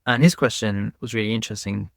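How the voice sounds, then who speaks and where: A man with a low voice hosts a podcast interview. He puts questions to his guest in an easygoing, conversational way. The recording is close and dry. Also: steady tone, quick pace, creaky, no room sound. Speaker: podcast host.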